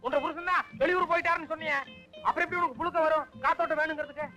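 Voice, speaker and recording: A bossy village elder brother. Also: male voice, extremely high pitch, fairly even intonation, rapid-fire, muffled recording, music in the background. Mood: bickering. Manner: brusque, bickering. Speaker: head of the family, elder brother. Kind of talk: 1980s film comedy acting.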